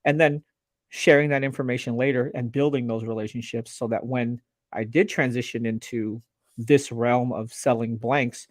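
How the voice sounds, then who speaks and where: A man guesting on a live-streamed interview, sharing business advice in an earnest, animated way with frequent restarts over a video call. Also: medium pitch, moderate pace, no room sound, studio quality. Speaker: guest, laser business owner.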